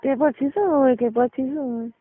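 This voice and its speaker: A casual private phone chat, recorded with muffled narrowband quality, features a woman with a Gujarati accent. Her high voice holds a steady tone at normal speed as she explains things colloquially and checks in often to see that she's being followed.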